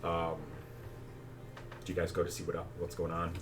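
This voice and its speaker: A man running a tabletop game as game master, narrating in a relaxed, chatty way with plenty of fillers. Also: deep voice, normal speed. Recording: distant mic, faint background noise.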